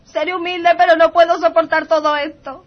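A woman playing a brash young greengrocer woman, in a radio comedy, with quick shrill comebacks. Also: little pitch movement, highs cut off. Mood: indignant.

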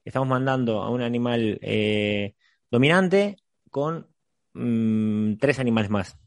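Man, podcast host, conversational, halting with repeated words, medium pitch, very little room sound. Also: no room sound.

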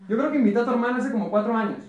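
Chatty Mexican man pitching a business. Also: racing, darkish tone, dull audio. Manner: chatty, questioning the room, joking. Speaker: business opportunity presenter. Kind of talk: live sales presentation to a small group. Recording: roomy echo.

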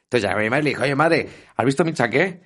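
Man, 30s, quick talker, wry storyteller. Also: medium pitch, lively intonation, a bit bright, breathy edge. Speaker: podcast co-host. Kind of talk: casual chat, anecdote telling.

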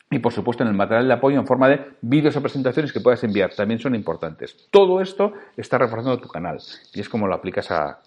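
A man's voice: mid-range voice, darkish tone. A man with a Spanish accent hosting a solo podcast, speaking directly and emphatically to the listener as he teaches sales.

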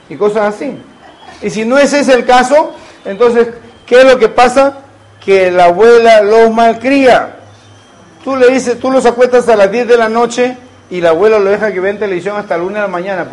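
A man's voice: sits high, slight background noise, poor audio. A man, preaching a sermon as a pastor and asking the congregation rhetorical questions.

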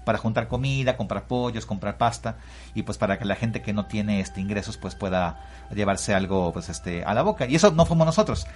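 A man's voice: fairly low pitch, lively intonation, fairly quick. A Mexican man, a guest musician, talking at length in a casual radio interview with many filler words. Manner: talks freely and at length, with many "pues" and "este".

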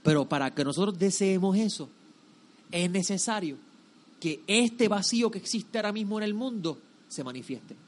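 Male religious teacher, high voice, sermon-style lesson, didactic, emphatic, repetitive phrasing, rhetorical questions. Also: expressive, normal speed.

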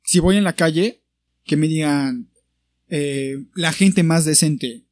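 Young Mexican man telling a story, high-pitched. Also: slow, no room sound. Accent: Mexican Spanish. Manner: animated storyteller who acts out quoted people. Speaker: podcast co-host. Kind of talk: casual chat, storytelling.

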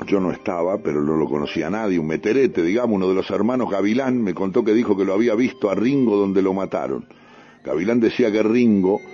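A man with a Rioplatense accent, a radio host, reading a first-person story in an unhurried way with street slang. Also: deep voice, warm tone. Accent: Rioplatense Spanish. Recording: dull radio broadcast, faint music.

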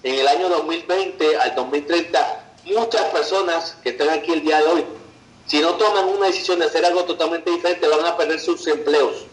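Guy doing a business pitch, kinda high voice, keeps saying ok, echoey room. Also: fairly quick. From Venezuela. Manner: persuasive, tags sentences with "ok" and "verdad". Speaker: business presenter. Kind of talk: online business presentation.

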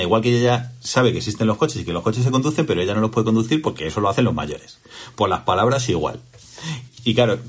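A man with a Spanish accent co-hosting a podcast, telling stories in a rambling, hesitant casual chat. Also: lowish voice. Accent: Spain. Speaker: podcast co-host.

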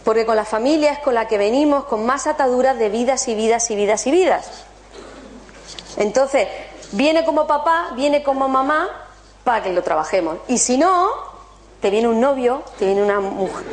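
A woman from talks to a room of listeners. Her fairly high voice is animated and keeps turning to rhetorical questions. She sounds like a spiritual workshop speaker. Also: normal speed, slight background noise. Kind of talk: motivational talk to an audience.

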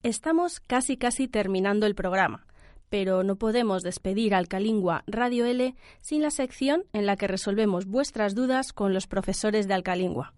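A woman's voice: mid-range voice, expressive, moderate pace, a little mellow. A woman hosting an educational radio program, asking her guest questions in a friendly, conversational way. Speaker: radio host.

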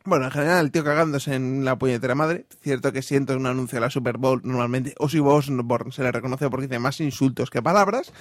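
A man casually commenting on videos, excitable, swearing freely and acting out the lines he describes. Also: mid-range voice, fast, hardly any pauses, dry recording, clean studio sound. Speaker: host reacting to videos.

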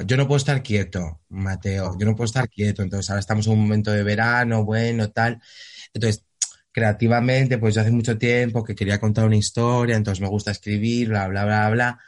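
Animated actor, low voice. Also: male voice. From Spain. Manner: animated, laughing, theatrical outbursts. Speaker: actor, interview guest. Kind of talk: casual interview chat.

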